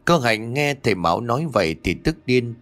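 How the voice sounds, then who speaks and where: A man narrating a ghost story audiobook in a steady, measured way. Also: mid-range voice.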